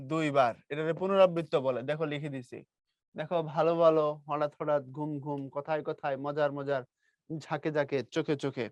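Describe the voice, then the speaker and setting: Lively, teasing teacher. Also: male voice, fairly high pitch, no room sound. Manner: lively, teasing, quizzes students. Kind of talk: classroom grammar lesson.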